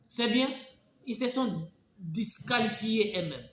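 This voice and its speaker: Male political commentator, Congolese French accent, emphatic, halting storyteller, echoey room. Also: high-pitched, expressive, a bit bright, slight background noise.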